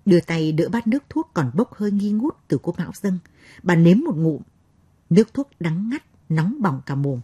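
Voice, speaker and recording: A woman reading a novel aloud as narrator, in steady, measured storytelling. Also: on the low side, husky, dry recording. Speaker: audiobook narrator.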